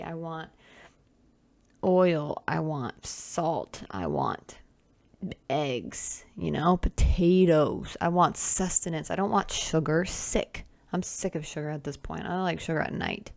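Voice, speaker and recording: A woman in her twenties hosts a solo podcast, her voice lowish and darkish with no echo. She chats casually, teasing herself, sighing, and tossing in asides. It's recorded on a camera with a close mic.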